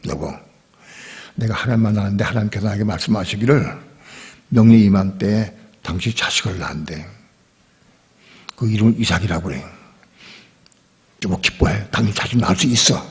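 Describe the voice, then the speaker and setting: A man voicing an elderly husband sharing joyful news with his wife, earnest and eager, with a husky, gravelly voice. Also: lowish voice, brisk, pauses often, big-room sound, voice pushed down. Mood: overjoyed.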